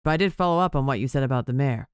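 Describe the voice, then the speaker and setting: A woman voicing an earnest, gentle male police boss who hesitates and trails off. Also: a bass voice, clean tone, no room sound, studio quality, voice pushed down. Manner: halting, trails off.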